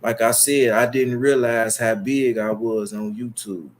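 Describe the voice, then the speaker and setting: The speaker, a young YouTube streamer with a Chicago accent, holds a steady tone at medium pitch and talks a little slowly. He goes on at length to his viewers, boasting, cursing and drifting from point to point.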